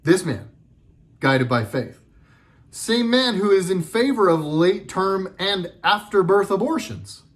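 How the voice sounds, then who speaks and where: A man's voice: high-pitched, expressive, slow. A middle-aged man delivering a sarcastic, heated political commentary monologue with lots of emphasis.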